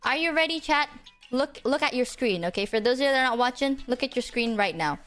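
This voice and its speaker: Woman streamer, cute anime-style delivery, high voice, very animated swings, playful and teasing, casual chat. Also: quick pace, faint music behind. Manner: giggly, teasing, exclamatory. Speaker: streamer host.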